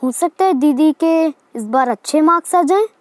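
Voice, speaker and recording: A performer voicing a calm, reassuring father doll in a storybook tale. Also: high-pitched, moderate pace, no echo, voice pushed down, lightly acted. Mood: soothing. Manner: gentle, reassuring.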